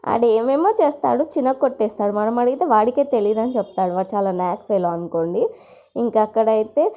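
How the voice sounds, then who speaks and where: A woman's voice: fairly high pitch, fast, dark tone. A woman, chatting casually through her morning chores as a home vlogger. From India. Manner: chatty, running commentary on chores. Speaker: vlogger and mother. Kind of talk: casual home vlog narration.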